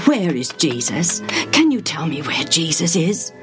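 A woman's voice: sits low, very animated, a little slow, over loud music. A woman voicing a frantic father, a royal official, speaking urgently and at times in a whisper. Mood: pleading. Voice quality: breathless, urgent, sometimes whispering.

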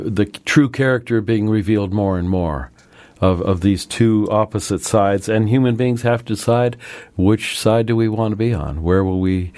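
A man hosting a religious radio program, telling a story in a gentle, measured way and then talking with a guest. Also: on the low side, dry recording. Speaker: radio Bible program host.

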